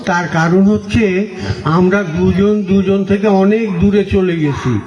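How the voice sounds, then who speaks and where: A high-voiced man with a Bengali accent preaches at a slow, easy pace. He puts questions to his listeners and answers them himself, and the recording is dull and lo-fi with a roomy echo. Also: a crowd in the background. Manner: unhurried storytelling with gentle humor. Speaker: monk giving a religious talk. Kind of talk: sermon.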